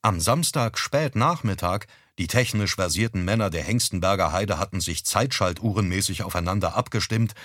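A man reading a humorous story aloud in a wry, expressive storytelling manner. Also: fairly low pitch, no echo, clean studio sound. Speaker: audiobook reader.

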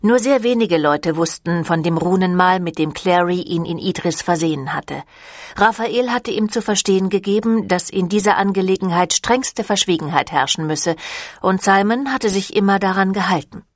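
A woman narrating a novel in a measured, even storytelling manner. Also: lowish voice, no room sound, studio quality. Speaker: audiobook narrator. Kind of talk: scripted narration.

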